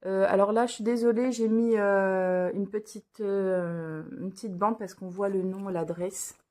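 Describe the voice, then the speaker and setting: In a relaxed vlog filmed under a lamp indoors, a woman presents her cross-stitch patterns show-and-tell style. She talks hesitantly, with many fillers and restarts, in a medium-pitched, slightly mellow voice that is unhurried and fairly even in intonation.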